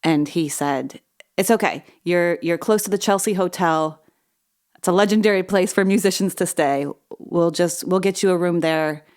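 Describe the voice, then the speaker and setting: Woman podcast host, 30s, low-pitched, chatty and self-deprecating, a little wheezy. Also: moderate pace, darkish tone. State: slightly wheezy from asthma. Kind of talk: solo storytelling podcast.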